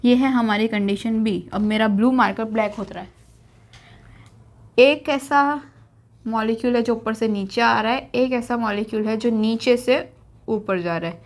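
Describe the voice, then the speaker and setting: Young woman teacher, high voice, chatty board lesson, keeps repeating the key terms. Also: moderate pace. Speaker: biology teacher. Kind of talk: whiteboard lesson in Hindi.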